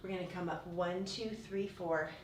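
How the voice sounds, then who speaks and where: A woman's voice: lowish voice, fairly even intonation, moderate pace, a little hiss or hum. A middle-aged woman teaching a ballet class, counting rhythmically aloud between instructions. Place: home room with tiled floor, indoors. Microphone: far camera across the room. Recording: echoey room, distant mic, background music.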